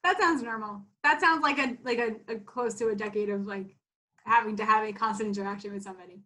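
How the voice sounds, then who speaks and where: A young woman in casual chat, frank and relaxed, saying "like" often. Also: medium pitch, fast talker.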